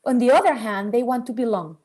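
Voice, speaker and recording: A Venezuelan woman in her forties, a native Spanish speaker, appears as a podcast guest and bilingual parenting expert, discussing raising bilingual children in an interview. She speaks earnestly and with animation, her voice a little high and a little fast.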